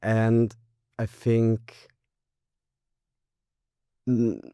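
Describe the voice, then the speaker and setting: Brief: young man, English, very low warm voice, smooth and dry, measured and hesitant. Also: monotone, no room sound. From Austria. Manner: thoughtful, hesitant with fillers. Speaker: graduate guest. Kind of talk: interview answers.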